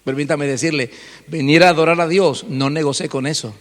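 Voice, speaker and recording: A male pastor delivers a lively sermon. His voice sits fairly high for a man, and he peppers the talk with rhetorical questions. A long church reverb trails each phrase. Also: a little fast. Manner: animated preaching, rhetorical questions, acts out congregants' voices. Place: church hall.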